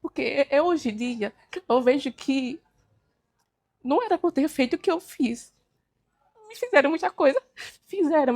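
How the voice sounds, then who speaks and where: A Brazilian teenage girl with a high voice speaks in a personal interview. She talks haltingly and with emotion, stopping and restarting her sentences. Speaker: student interviewee.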